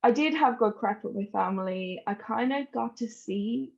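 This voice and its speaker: A young adult Irish woman appears as a podcast guest, chatting informally and laughing easily as she tells personal stories. Her voice is on the high side with vocal fry and a moderate pace, and the recording has its highs cut off.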